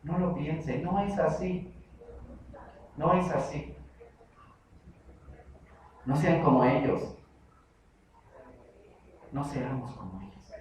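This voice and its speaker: A man's voice: on the high side, takes it slowly, long pauses, darkish tone, heavy reverb, distant mic, slight background noise, rough recording. A man with a Mexican accent preaching a sermon as pastor, emphatic and repetitive, mimicking how people pray. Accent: Mexican Spanish.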